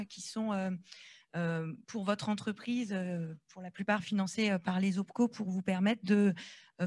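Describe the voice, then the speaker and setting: A woman presenting at a conference speaks through a face mask into a handheld microphone held close to it, in a conference room with a small panel on stage. Her mid-range, mellow voice gives an informal explanation with some hesitant rephrasing, and there's no room sound.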